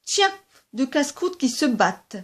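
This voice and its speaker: A woman's voice: high voice, big pitch swings, measured pace. A woman voicing a sly, hungry male fox with a growling manner in a storybook reading.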